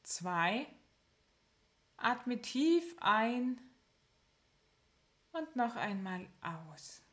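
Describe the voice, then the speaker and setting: Very slow, calm woman guiding relaxation. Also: a little high. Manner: calm, instructive, counts down slowly with pauses. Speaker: relaxation guide. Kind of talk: guided progressive muscle relaxation.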